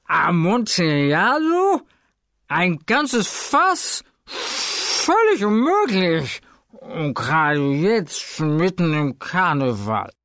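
A man voicing an excitable, tipsy male wine connoisseur who talks loudly and insistently. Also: high-pitched, drawn-out words, dry recording, studio quality, pitched above the performer's own voice, heavily acted. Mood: excited insistent. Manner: loud, exclamatory, insistent.

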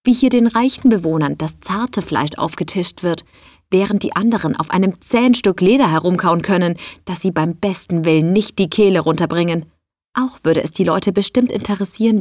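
A woman's voice: lowish voice, a little fast, a little mellow, no room sound, clean studio sound, close to an everyday voice. Woman reader doing defiant female cook, snippy, bites back hard. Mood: furious. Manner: snippy, threatening. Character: fiery fired woman cook, defiant and sharp.

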